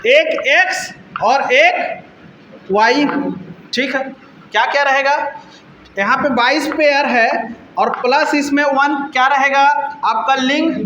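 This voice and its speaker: A man's voice: extremely high pitch, pushed and bright, a little hiss or hum. A male teacher giving a lecture, who keeps asking the class questions and answering them himself. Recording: roomy, dull lo-fi sound.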